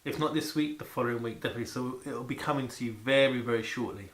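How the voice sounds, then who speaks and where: Bright-voiced man in an echoey room. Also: medium pitch, fast. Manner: animated, exclamatory, repeating words for emphasis. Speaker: vlogger presenting food to camera. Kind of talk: casual rambling food chat to camera. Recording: echoey room with faint background noise.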